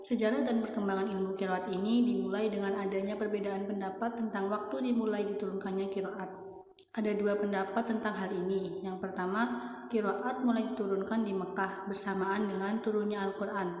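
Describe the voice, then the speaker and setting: Young female student presenter, flat monotone reading, long hall-like reverb. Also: medium pitch, brisk. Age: young adult. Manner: steady, even reading from a script. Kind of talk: read-aloud lesson narration. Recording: echoey room with long reverb.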